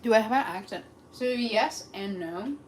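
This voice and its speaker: A woman's voice: a little high, normal speed, roomy sound, slight background noise, rough recording. A Pennsylvania woman with a Pittsburgh accent chatting casually on a live stream while she cooks at home, rambling with lots of fillers. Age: adult with a child. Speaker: cooking vlogger. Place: home kitchen.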